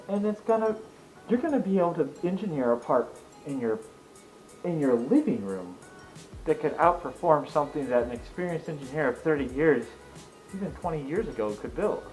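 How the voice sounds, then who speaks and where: A man's voice: medium pitch, a little mellow, poor audio. A man chatting casually about cars in an emphatic, explanatory, jokey way. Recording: music in the background.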